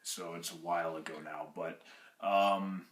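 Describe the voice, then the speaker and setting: Young man, very low voice, rambling interview answers, echoey room. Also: steady tone, measured pace. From Russia, grew up in Michigan. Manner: rambling, frequent restarts and fillers. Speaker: acting applicant. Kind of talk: casual audition interview answers.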